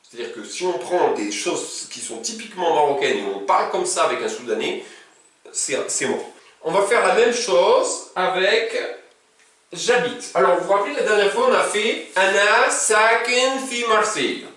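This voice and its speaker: A man's voice: sits high, lively intonation, normal speed, far from the mic. A man teaching a casual language lesson, talking informally and reciting verb conjugations in a row. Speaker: Arabic teacher. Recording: very echoey room, speaking from away from the mic.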